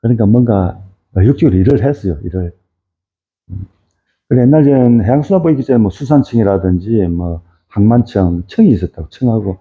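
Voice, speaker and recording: In tinny, phone-like audio, a middle-aged man with a lowish voice speaks briskly, giving an informal talk on fisheries. He rambles, using lots of fillers and tag questions.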